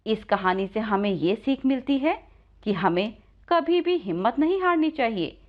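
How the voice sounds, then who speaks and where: A woman telling a moral story with lively, expressive narration. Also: fairly high pitch, measured pace, dull audio.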